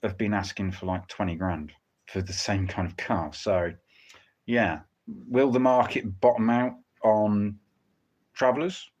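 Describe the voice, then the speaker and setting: A man's voice: on the low side, steady tone, a little slow, a little mellow, breathy edge. A man hosting a livestream with casual, rambling live commentary and a dry, joking, hesitant delivery. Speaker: livestream host commenting on a car auction.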